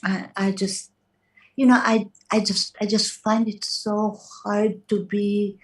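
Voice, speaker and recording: A woman's voice: medium pitch, flat delivery, slow. A woman from Hungary, a caller in an online webinar, who speaks hesitantly, stammering and restarting. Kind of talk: casual chat on a video call. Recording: echoey, distant video-call audio.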